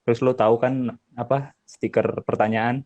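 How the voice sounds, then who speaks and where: A man's voice: medium pitch, fairly even intonation, normal speed, dry recording, phone-quality sound. A young man co-hosting a podcast in casual chat, telling a story in a laid-back way. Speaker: podcast co-host.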